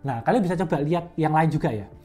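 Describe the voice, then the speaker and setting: A woman's voice: low voice, animated, quick pace, warm tone, faint music behind. A young woman in a casual educational vlog, coaching public speaking in a chatty, step-by-step way. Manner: chatty and conversational, explains step by step.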